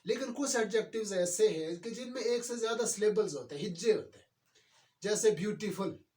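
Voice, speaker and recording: High-voiced man teaching grammar. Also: darkish tone, far from the mic. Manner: explains slowly, repeating words with fillers. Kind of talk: video grammar lesson.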